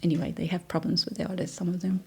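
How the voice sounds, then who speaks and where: Husky low-voiced woman from Denmark. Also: racing. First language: Danish. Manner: soft-spoken, relaxed, with frequent fillers and laughs. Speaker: interviewee. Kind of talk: casual storytelling interview.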